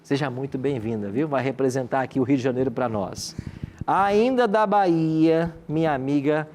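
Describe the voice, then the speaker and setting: A man's voice: medium pitch, normal speed, darkish tone, a little hiss or hum. A Brazilian man, a pastor and host, cordially introducing studio guests in a talkative way with frequent tag questions. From Minas Gerais, Brazil. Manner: cordial, talkative, often tags remarks with questions.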